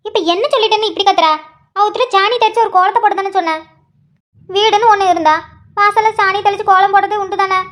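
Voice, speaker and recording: A woman's voice: extremely high pitch, fairly even intonation, fast talker, fairly bright tone. A woman voicing a preachy village mother who scolds her grown daughter. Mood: nagging. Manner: nagging, preachy.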